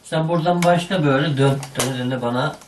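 A man's voice: a little high, fast talker. A man giving bossy instructions to friends while directing an amateur film, recorded on a home camera. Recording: echoey, distant, noisy home camera recording.

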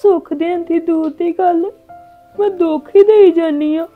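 A woman's voice: extremely high pitch, steady tone, measured pace, narrow, tinny audio, faint music behind. A woman playing a young blind daughter who blames herself as a burden, speaking plaintively. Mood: self-reproaching. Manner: plaintive, self-reproaching. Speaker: actor in a family short film. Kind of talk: melodramatic village drama acting.

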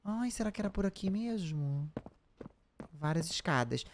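A woman's voice: on the low side, animated, normal speed. Dramatic Brazilian woman gamer, faint noise. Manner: dramatic, chatty, talks back to the game. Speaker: gaming video host. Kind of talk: casual, reactive gameplay commentary.

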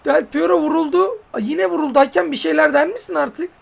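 A man giving casual, joking commentary on a football game he is playing, yelling at his players. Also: extremely high pitch, fast talker, creaky. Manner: excitable, joking, swears and yells at players. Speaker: mobile football gamer.

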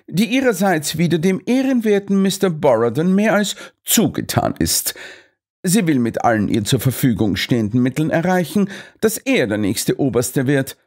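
A man's voice: on the high side, darkish tone, voice pushed up. A man voicing a self-assured male master detective who lectures and explains triumphantly.

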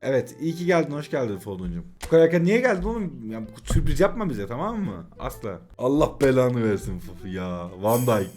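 A man in his twenties commentating a late-night mobile game stream, excitable and swinging between groans and shouts. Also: mid-range voice, brisk, hardly any pauses, soft background music. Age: 20s. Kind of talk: live pack-opening stream commentary.

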